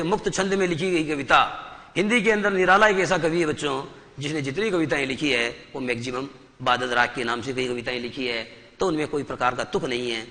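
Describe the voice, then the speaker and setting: A male teacher gives a classroom lecture, slowly reading out English definitions and then quizzing his students with questions. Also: a little high, sharp tone, long reverb tail. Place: satellite classroom studio.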